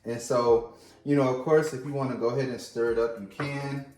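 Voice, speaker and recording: A man's voice: mid-range voice, steady tone, brisk, a little mellow. Man, casual vlog host, chatty, echoey room. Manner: playful, chatty, talks straight to viewers. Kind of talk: casual drink-making tutorial. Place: home.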